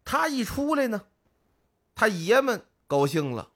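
A man, co-hosting a podcast and telling a folk tale in lively, casual speech, putting on the voices of the villagers. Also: sits high, unhurried. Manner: lively storyteller, acts out village voices, northern colloquial. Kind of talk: casual storytelling chat.

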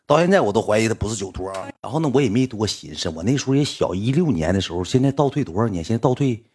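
A man in his twenties with a Northeastern Chinese accent, telling a personal story in a casual, animated way, often dropping to a hushed voice to quote others. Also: fairly low pitch, racing, slightly rough. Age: 20s.

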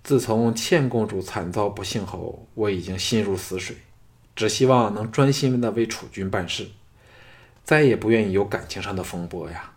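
Male reader as weary young hero, guarded, low and subdued, storybook lead. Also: lively intonation, normal speed, darkish tone, natural voice.

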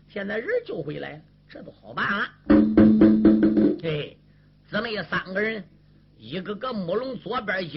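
A man's voice: high voice, creaky. Male storyteller chanting over drums. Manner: rhythmic, melodic chanting narration. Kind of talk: traditional sung-spoken storytelling. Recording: lo-fi with loud drum and string accompaniment.

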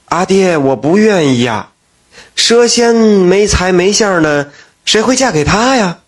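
A man voicing a quick-talking, scornful second daughter. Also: high voice, big pitch swings, full character voice. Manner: fast, scornful.

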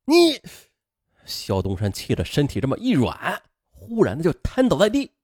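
A man narrating a true-life story and commenting on it in a chatty way, full of drawn-out filler particles. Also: on the high side, wildly swooping pitch, darkish tone, slightly rough, no echo, clean studio sound.

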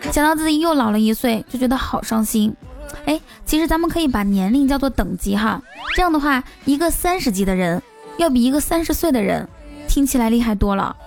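A woman hosts a comic monologue and tells jokes in a playful, teasing way. Her voice sits a little high. Soft music plays behind her. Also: expressive, brisk, vocal fry. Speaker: host.

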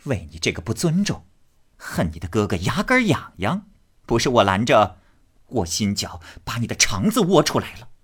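A man's voice: lowish voice, very animated, a little slow. A man voicing a bossy, domineering young matriarch in a storybook reading, scolding and commanding.

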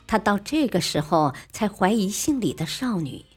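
A woman narrating a classic tale in an expressive, lively way. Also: medium pitch, normal speed, breathy edge. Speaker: storyteller. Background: faint music.

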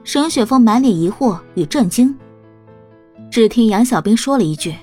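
A woman narrating a storybook in a calm, even reading voice. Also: fairly high pitch, moderate pace, soft background music. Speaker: audiobook narrator.

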